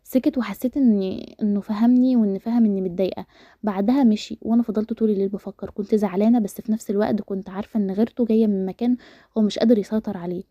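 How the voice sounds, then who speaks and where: A woman with an Egyptian accent reading a romance story aloud in a brisk, steady first-person narration. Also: medium pitch, no echo, highs cut off. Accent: Egyptian Arabic.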